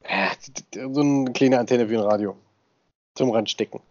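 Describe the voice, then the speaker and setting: Here the speaker is a podcast co-host, a married man in his thirties who jokes around in relaxed, casual chat. He talks at a normal speed in a darkish mid-range voice, with slight background noise over a dull, dry recording.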